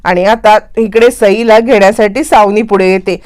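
A woman's voice: medium pitch, fairly even intonation, moderate pace, a little mellow. A woman retelling a serial story, dramatically acting out the characters' lines in her own voice.

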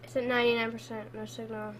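Young female gamer, high and bright, panicky horror-game commentary with frequent yelps. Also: little pitch movement, fast talker, a little hiss or hum. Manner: panicky, repeating herself, yelping.

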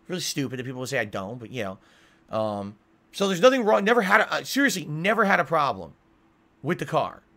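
A man's voice: on the high side, bright, forceful tone. A middle-aged American man streaming a casual monologue, explaining things emphatically in an aggrieved way with frequent check-in tags. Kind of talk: casual livestream monologue to viewers. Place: small home room with acoustic foam, indoors. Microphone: desk microphone with pop filter, close.

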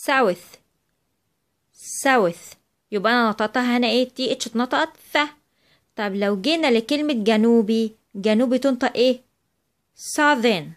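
A woman with an Egyptian Arabic accent teaching an English phonics lesson to children, slowly drawing out each example word. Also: fairly high pitch. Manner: slow, drawn-out word demonstrations.

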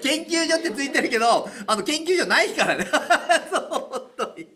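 A man's voice: very high voice, sing-song, moderate pace, bright, forceful tone. A man giving a live lecture to an audience, in a playful, joking way and laughing often.

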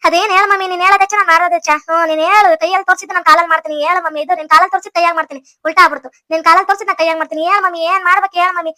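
An eager young son in a cartoon, boasting he will do anything asked, voiced by a woman. North Karnataka Kannada accent, very high and fast, dry and close. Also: steady tone, bright, forceful tone, dry recording.

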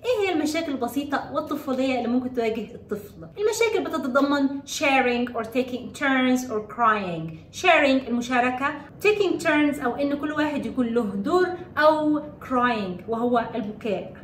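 A woman with an Egyptian Arabic accent teaching English vocabulary, who says each English phrase slowly several times and then gives its Arabic meaning. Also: sits high, animated, reverberant, recorded from a distance, a little hiss or hum. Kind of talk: bilingual vocabulary lesson.

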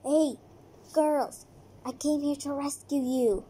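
An eager young man, played by a woman arrives to rescue his friends in a toy doll play. He sounds upbeat and a little scatterbrained. The voice is high and mellow. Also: fairly even intonation, slow.

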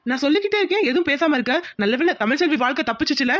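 A woman doing a gentle village uncle, voice dropped low. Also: animated, rapid-fire, dry recording, clean studio sound. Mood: sympathetic. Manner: gentle, sympathetic, mildly scolding. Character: middle-aged village uncle, mild and kindly. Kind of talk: Tamil cartoon voice acting.

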